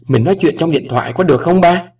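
A man's voice: fairly high pitch, quick pace, a little mellow, husky, pitched above the performer's own voice. A man voicing a choked, tearful grown daughter. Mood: eager. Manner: choked, raised voice. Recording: voice distant from the mic.

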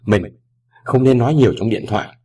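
A man's voice: mid-range voice, warm tone, slightly rough, lightly acted. A man playing a cautious older ambassador father. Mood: measured. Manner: measured, careful. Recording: voice distant from the mic.

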